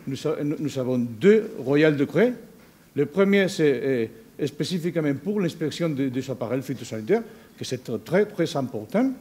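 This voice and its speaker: A non-native speaker from Spain with a Spanish accent, this man gives a conference presentation as a researcher, halting and searching for words in foreign-accented speech. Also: a little high, animated, a little mellow. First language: not a native French speaker. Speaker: university researcher giving a presentation.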